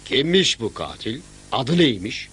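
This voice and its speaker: An actor playing a grave, cautious governor in a period drama, speaking with formal authority. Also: male voice, medium pitch, big pitch swings, a little slow, a bit bright, slightly rough, heavily acted. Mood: grave, questioning. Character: grave, cautious male governor of a historic city.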